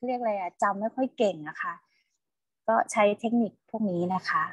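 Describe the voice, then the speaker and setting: A middle-aged woman with a Thai accent teaching her child English, reading lines slowly and clearly for repetition. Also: mid-range voice, dry recording. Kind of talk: casual online reading lesson.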